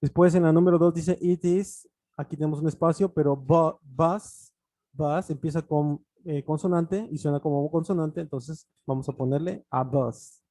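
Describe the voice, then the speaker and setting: Mellow-voiced teacher explaining patiently. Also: male voice, fairly high pitch, fairly even intonation, moderate pace, dry recording. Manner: patient explaining, with fillers and restarts. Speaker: English teacher. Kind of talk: online lesson.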